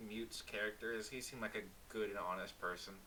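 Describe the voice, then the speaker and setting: A man's voice: lowish voice, steady tone, a little fast, bright, forceful tone, slight background noise, rough recording. A man playing a tabletop game, speaking politely and a little formally to other characters. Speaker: player. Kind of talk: casual tabletop game chat.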